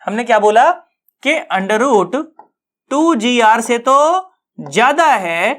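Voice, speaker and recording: A man's voice: very high voice, lively intonation, slow, fairly bright tone. A male physics teacher giving an online lesson. He talks colloquially and jokes, mixes in English physics terms, and keeps asking students whether they have understood.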